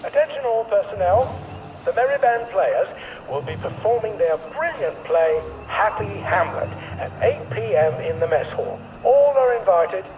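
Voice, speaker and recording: Brief: chipper camp announcer on a loudspeaker, high and sing-song, heard far off. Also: male voice, animated, measured pace. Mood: cheery announcing. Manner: upbeat announcing tone. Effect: over a camp loudspeaker. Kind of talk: video game voice acting. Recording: distant loudspeaker with background noise.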